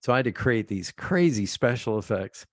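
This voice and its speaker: A man's voice: medium pitch, animated, normal speed, dry recording, clean studio sound. A middle-aged man from Pennsylvania, a podcast guest telling rambling stories about his life and laughing often. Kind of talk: casual interview chat.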